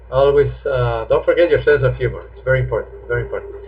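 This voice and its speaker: A man's voice: mid-range voice, quick pace. A man, a chatty, joking English teacher answering students' questions in a live online class. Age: 50s. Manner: chatty and jokey. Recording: tinny phone-like stream audio.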